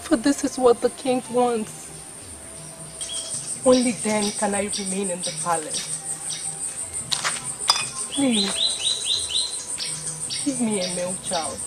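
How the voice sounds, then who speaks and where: A woman's voice: mid-range voice, slow, pauses often, natural voice. A woman with a Nigerian accent playing an earnest, pleading queen in a film drama, with formal phrasing. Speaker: actor. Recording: prominent film music behind the voice. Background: music.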